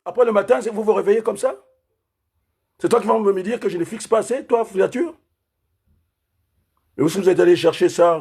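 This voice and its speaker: A man delivering an impassioned political rant, firing off rhetorical questions and repeatedly raising his voice almost to a shout. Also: sits high, fairly quick, long pauses, husky. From Republic of the Congo. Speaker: political commentator.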